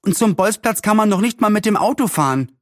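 A man voicing a calm, homely young girl in a storybook reading, speaking in a pleading way. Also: sits high, fairly quick, no room sound, clean studio sound, pitched above the performer's own voice.

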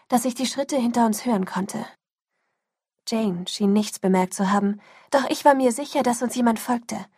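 A woman with a fairly high, breathy voice reads a first-person story aloud as audiobook narration. She sinks into a hushed whisper whenever the tension builds. The recording is close and dry, the sound of a studio booth. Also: no echo. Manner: drops to a hushed whisper at tense moments.

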